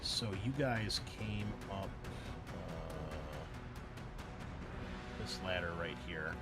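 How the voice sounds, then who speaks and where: Speaking very slowly in a deep voice, a man serves as game master for a tabletop roleplaying game. He narrates and referees in an improvised, conversational manner while music plays in the background.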